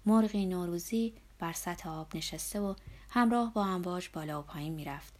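A woman narrating a literary novel in a measured, reflective manner, sometimes softening to a near whisper. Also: mid-range voice. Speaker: audiobook narrator.

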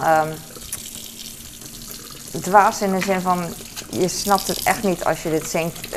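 Brief: mother in her forties with a Hong Kong accent, low gravelly voice, wandering chores chat. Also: background noise. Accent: Hong Kong Cantonese. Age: 40s. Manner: rambling, lots of fillers. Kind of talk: casual chat while doing chores.

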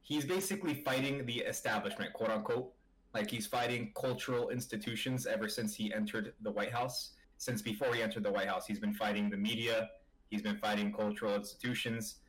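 Calm, explaining man with a low voice. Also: fairly quick, low-quality recording. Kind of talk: casual group chat.

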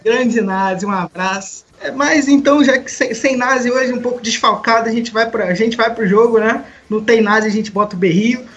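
A man's voice: very high voice, a little fast, hardly any pauses, fairly bright tone, slight background noise. A Brazilian man co-hosts a football podcast in a thin, reedy voice that sounds cracked. His delivery is informal and joking, and the audio is slightly dull and lo-fi. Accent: Brazilian Portuguese. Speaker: podcast host. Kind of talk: casual football podcast chat.

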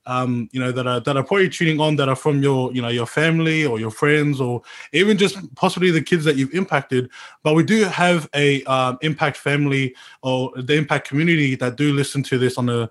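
A man's voice: mid-range voice, a bit bright. A young man hosting a podcast, enthusiastic and loose, with slangy talk full of "bro" and "man". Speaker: podcast host.

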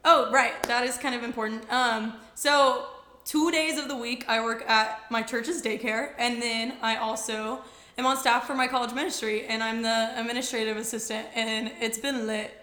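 A woman in her early twenties with an American accent and a husky voice, chatting casually and slangily as a podcast co-host. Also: on the high side, fairly even intonation, moderate pace, sharp tone. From Texas, United States. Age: early 20s. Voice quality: husky from vocal nodules. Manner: bubbly, slangy, informal. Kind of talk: casual chat. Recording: roomy, echoing room sound.

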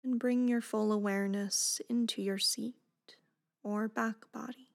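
In a soft, breathy voice pitched on the high side, a woman guides a meditation with gentle, unhurried instructions. Her tone stays steady, and her phrases trail off nearly to a whisper.

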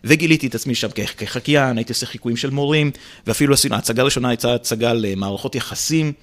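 A man who is a stand-up comedian, telling stories in a casual interview with a slightly rolled r and animated impressions. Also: medium pitch. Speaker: guest, stand-up comedian and actor.

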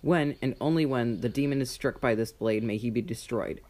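A man's voice: mid-range voice, a little fast, darkish tone. A young man running a tabletop game, reading dramatic lore and teasing his players. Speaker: game master.

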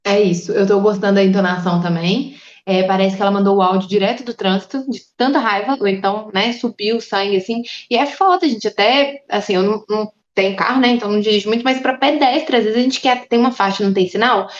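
A woman co-hosting a podcast, animated and casual, with the odd swear word. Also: medium pitch, fast. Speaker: podcast co-host. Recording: dull lo-fi mic.

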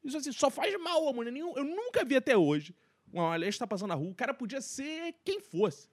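A man's voice: extremely high pitch, sing-song, fast talker. A man co-hosting a casual chat, thoughtful and opinionated, often saying "cara". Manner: reflective, uses filler "cara", opinionated. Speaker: podcast co-host.

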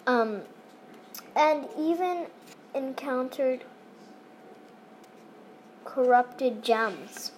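A woman voicing a prim, proper alien woman who tells a spooky story in a halting fan comic reading. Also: sits high, expressive, a little hiss or hum, heavily acted. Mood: storytelling. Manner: halting, pausing reader.

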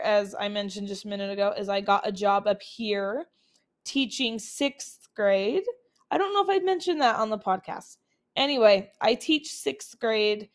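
A young Utah woman hosts a casual solo podcast through her laptop's built-in mic, her slightly high voice still recovering from colds. She's chatty and upbeat, with plenty of fillers.

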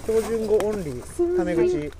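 A man's voice: sits high, huge pitch swings, a little slow. A man hosting a casual podcast chat, teasing his co-hosts and steering the game. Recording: loud background noise.

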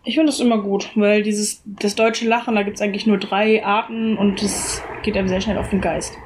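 Woman retelling a TV episode, lively. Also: mid-range voice, normal speed, slight background noise. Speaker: podcast co-host. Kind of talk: casual podcast chat, retelling an episode.

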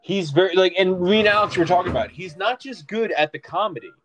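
A man's voice: high voice, lively intonation, fast talker, a crowd in the background, rough recording. A man co-hosting a casual podcast about a movie, rambling with lots of ums and restarts. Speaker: podcast co-host. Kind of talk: casual movie-discussion chat.

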